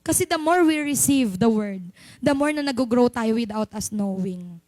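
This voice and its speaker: Young Filipino woman, church speaker, high-pitched, chatty and teasing, dry mic. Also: animated, moderate pace, a little mellow, no echo. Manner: chatty, playful, mixes English into Filipino. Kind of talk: sermon.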